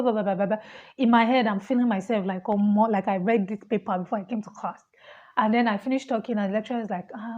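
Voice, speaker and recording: A young woman with a Nigerian accent, a fast talker who laughs often as she speaks casually to camera about being a student. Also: medium pitch, darkish tone, dull audio. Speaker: vlogger, international student.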